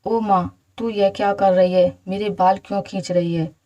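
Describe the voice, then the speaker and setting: A woman voicing a grumpy, sleepy male demon in a storybook reading, in a dark, mellow tone. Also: medium pitch, fairly even intonation, moderate pace, lo-fi sound, close to an everyday voice. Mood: grumbling. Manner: grumbling, impatient.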